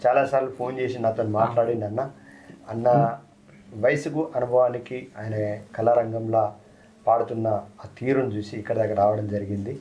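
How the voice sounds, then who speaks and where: A man with a Telangana Telugu accent hosting a folk talent channel, interviewing a singer in a friendly, quick manner. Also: medium pitch, fairly even intonation, dull audio, slight background noise. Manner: fast, friendly, keeps saying "anna". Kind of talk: casual interview.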